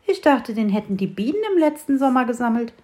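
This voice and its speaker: A woman voicing a small, kind and gently teasing fir tree in a children's storybook. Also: on the high side, big pitch swings, brisk, pitched above the performer's own voice. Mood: friendly.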